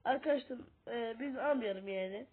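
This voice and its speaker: A woman's voice: a little high, moderate pace, husky. A woman who is sick, chatting casually to her viewers as she plays and teaches a mobile game, speaking into a tablet's mic. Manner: chatty, keeps calling out to viewers as friends. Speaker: gaming video host. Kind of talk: casual gameplay commentary. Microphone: tablet's built-in mic. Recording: tinny lo-fi tablet audio with faint hiss.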